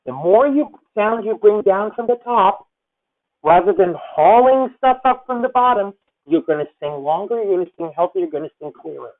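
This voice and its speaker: Over tinny video call audio, a voice teacher in her fifties coaches a singer in a masterclass, calling her student honey. Her mid-range voice is expressive and moves at a moderate pace, and her manner is effusive and rambling.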